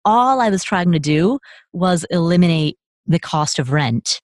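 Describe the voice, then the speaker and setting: Woman guest, slightly low voice, dry close mic, animated and chatty. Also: measured pace, dry recording. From Nepal. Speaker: podcast guest. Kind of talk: conversational interview.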